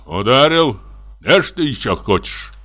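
A man doing a bullying rough barber. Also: mid-range voice, big pitch swings, a little slow, pushed and bright, exaggerated voice. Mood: menacing. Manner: gruff, menacing barking. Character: rough shabby male barber, bullying and threatening.

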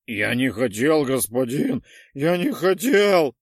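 A man voicing a blind, servile knight of living mirror in an audiobook, booming and dutiful. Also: sing-song, slow, no room sound, studio quality, full character voice. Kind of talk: audiobook character voice.

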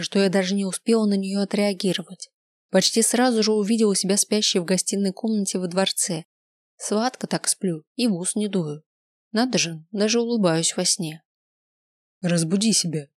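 A woman's voice: mid-range voice, no room sound, clean studio sound. Woman reading a first-person audiobook. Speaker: audiobook narrator.

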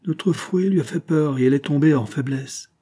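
A man reading aloud, voicing a kindly young male charcoal burner with a brisk, rustic, reassuring way of talking. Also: fairly high pitch, mellow, husky, pitched above the performer's own voice. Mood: hearty.

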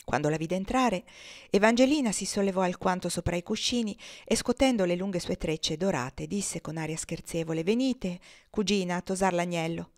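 Measured woman reading a classic novel. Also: fairly low pitch. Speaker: audiobook reader. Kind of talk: literary audiobook reading.

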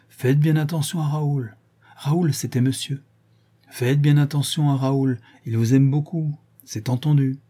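Man reading insistent jealous husband, nostalgic, self-righteous, husky tone. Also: mid-range voice, mellow, close to an everyday voice. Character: Gaston, jealous dead husband, pleading. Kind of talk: audiobook character reading.

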